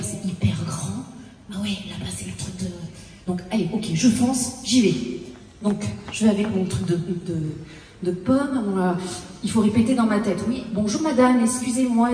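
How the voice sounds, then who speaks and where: A woman performing a comic stage monologue, telling her story haltingly and acting out her own lines of dialogue. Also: medium pitch, mellow, a little hiss or hum. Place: stage in a large hall. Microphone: handheld stage mic. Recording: echoey hall, mic at a distance.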